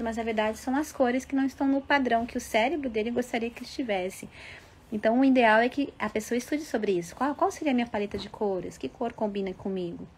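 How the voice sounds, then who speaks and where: A woman giving advice to parents in an unhurried, explanatory monologue, often adding little tag questions. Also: mid-range voice, a little mellow, a little hiss or hum.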